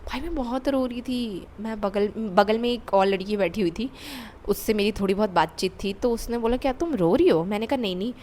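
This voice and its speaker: A woman's voice: medium pitch, brisk, hardly any pauses, a little mellow, a little hiss or hum. A young woman vlogger telling a candid personal story, repeating words for emphasis. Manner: candid, confessional, with emphatic repetition.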